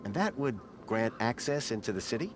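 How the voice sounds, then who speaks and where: A man's voice: medium pitch, very animated, a little fast, noisy background, close to an everyday voice. A man playing a wry, persistent adventure game hero, no longer young, with a dry conversational delivery. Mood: wry, bargaining. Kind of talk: video game voice acting and first-person narration.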